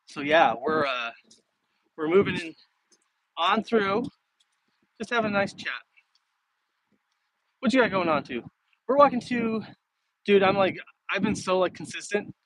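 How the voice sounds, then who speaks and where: A man's voice: high-pitched, expressive, slow pace, long pauses, fairly bright tone, no echo, low-quality recording. A middle-aged American man chatting casually and easygoing on a live stream while walking, answering viewer comments. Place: outdoors on city streets, walking. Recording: outdoor background noise while walking. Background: outdoor ambient noise.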